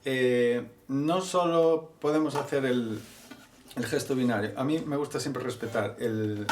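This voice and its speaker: A man teaching bouzouki rhythms in a vlog, patiently explaining and counting beats aloud. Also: mid-range voice. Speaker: music teacher. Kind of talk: instructional vlog. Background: loud bouzouki playing.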